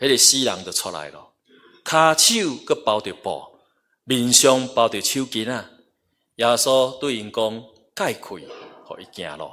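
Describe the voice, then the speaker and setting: A man preaching a sermon in a church hall, pausing for an interpreter and rising to emphatic peaks. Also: medium pitch, animated, pushed and bright.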